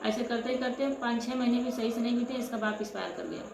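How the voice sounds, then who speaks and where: A woman's voice: a little high, fast talker, creaky, music in the background. A woman vlogger tells her own story to viewers with passion, often calling them friends. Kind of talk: emotional personal storytelling to viewers. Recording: echoey room with loud ambient noise.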